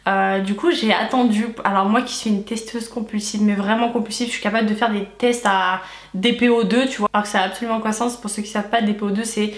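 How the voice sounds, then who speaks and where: A woman's voice: mid-range voice, steady tone, fast talker. A young woman chatting casually to viewers in a storytime vlog, with a stuffy, nasal voice and a lisp from wearing retainers. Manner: chatty, candid, slangy asides. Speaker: vlogger. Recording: echoey room.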